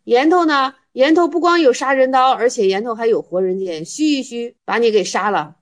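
A woman with a fairly high voice teaches old Zen stories to a group of students. She retells the monks' exchanges and needles her listeners with quick rhetorical questions. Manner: teasing, rhetorical questions, storytelling. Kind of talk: explaining Buddhist koans to students.

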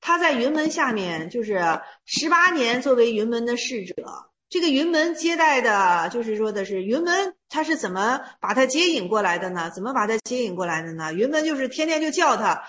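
High-voiced woman teaching old texts. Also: sing-song, fairly bright tone. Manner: reads slowly, then retells in plain speech with repetitions and fillers. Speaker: teacher of Chan Buddhist texts. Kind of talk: reading and explaining old texts in a class.

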